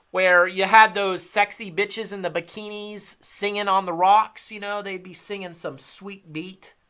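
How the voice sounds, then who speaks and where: A man teaching trading in a blunt, heavily profane casual rant, swinging between loud emphasis and low muttered asides. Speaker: trading educator. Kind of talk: casual unscripted rant to camera.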